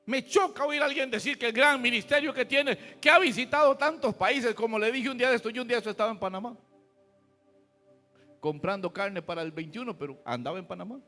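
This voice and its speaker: A man's voice: very high voice, fast talker, sharp tone, in a large hall, faint music behind. A man preaching a fiery, folksy sermon as a pastor, full of rhetorical questions. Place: church.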